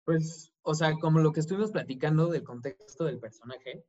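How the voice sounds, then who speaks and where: A man with a Mexican accent, co-hosting a casual film chat in a relaxed, slangy way, swearing often. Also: fairly high pitch, moderate pace. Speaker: podcast co-host. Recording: dull lo-fi sound.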